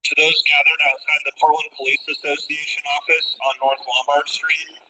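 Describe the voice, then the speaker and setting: Man's flat warning blasted from a sound cannon. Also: on the high side, normal speed, a little hiss or hum. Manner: flat, repeated official warning. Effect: blasted over an LRAD sound cannon. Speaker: police dispersal announcer. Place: outdoors on a city street. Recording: distant outdoor loudspeaker blare.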